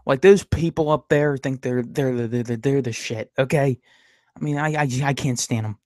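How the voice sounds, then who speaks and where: A man's voice: medium pitch, normal speed, a little mellow, no echo. A man hosting a casual podcast, rambling and stammering as he rants about sports rivals. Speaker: podcast host. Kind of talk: casual live-stream chat.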